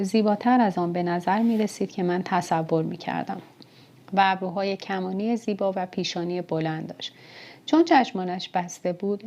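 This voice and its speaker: Mellow woman reading an audiobook. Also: medium pitch. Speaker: audiobook narrator. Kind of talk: first-person novel narration. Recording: dull, muffled audiobook recording.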